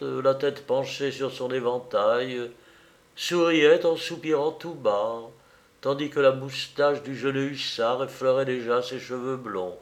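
A man narrating a classic novel as an audiobook, reading with lively expression. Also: medium pitch.

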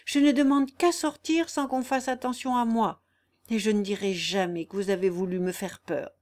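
A woman's voice: fairly high pitch, fairly even intonation, moderate pace, a little mellow, close to an everyday voice. A woman reading the lines of a frightened but brave young peasant woman who pleads and speaks up boldly in a storybook reading. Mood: pleading. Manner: pleading, spirited.

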